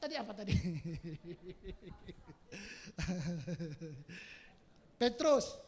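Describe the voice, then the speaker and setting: A male preacher giving a sermon to a congregation, swinging from loud emphatic shouts down to quiet, folksy asides with chuckles. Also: fairly quick. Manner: rises to loud emphatic shouts, then drops low.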